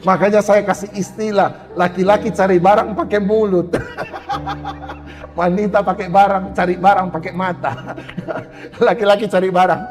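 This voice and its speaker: A man's voice: high voice, steady tone, normal speed, big-room sound, music in the background. A male pastor preaching a humorous sermon, joking and acting out little quoted exchanges. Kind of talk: humorous sermon to a women's gathering. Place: church hall.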